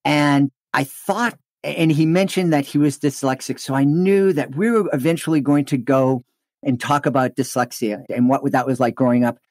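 A man's voice: medium pitch, normal speed, dry recording, clean studio sound. A man with an American accent talking as a podcast guest, telling anecdotes conversationally and acting out quotes. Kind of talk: conversational interview storytelling.

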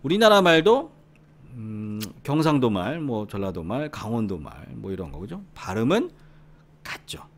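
This is a middle-aged Korean man from the Gyeongsang region, explaining English study at a relaxed teaching pace. His pitch rises and falls in lively swings. He keeps asking the listener to agree, repeats words for emphasis and now and then drops into a near whisper. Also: moderate pace. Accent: Korean with Gyeongsang roots. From Gyeongsang region, South Korea. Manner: conversational, often seeking agreement with the listener. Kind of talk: explanatory lecture.

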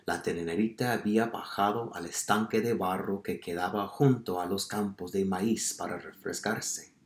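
A man's voice: low voice, normal speed. A man teaching by reading a picture book aloud to children, telling it expressively, dropping to whispers and asking the listeners questions. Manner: expressive storytelling, drops to whispers and asks questions. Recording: roomy echo.

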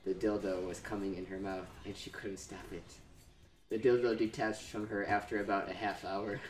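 A man's voice: on the low side, level tone, normal speed. Laughing man reading aloud in an echoey room. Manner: laughs often while reading. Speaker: host reading fan fiction aloud. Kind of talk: casual comedic reading.

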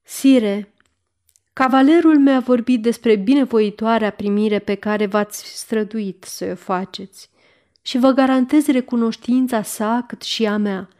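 A woman reading the lines of a dignified noblewoman who answers a king calmly, firmly and with formal politeness. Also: fairly high pitch, natural voice. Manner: calm, firm, formally polite.

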